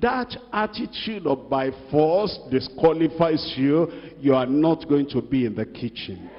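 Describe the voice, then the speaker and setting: An older pastor preaching a rebuking sermon at a pulpit with a handheld mic, putting direct questions to the congregation. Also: male voice, fairly high pitch, expressive, a little slow, a little hiss or hum. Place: large church hall at a pulpit. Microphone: handheld microphone. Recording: dull reverberant hall sound.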